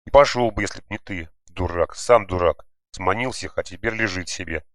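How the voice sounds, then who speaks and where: A man's voice: low voice, moderate pace, a bit bright, dry recording, studio quality. A man voicing a small, resentful boy who whines and quarrels. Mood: sulky.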